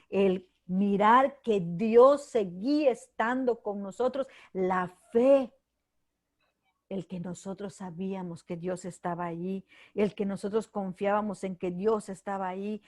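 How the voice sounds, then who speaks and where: A woman's voice: fairly high pitch, a little mellow. Earnest middle-aged woman preaching. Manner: earnest, heartfelt testimony with acted quotes. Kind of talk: devotional sermon.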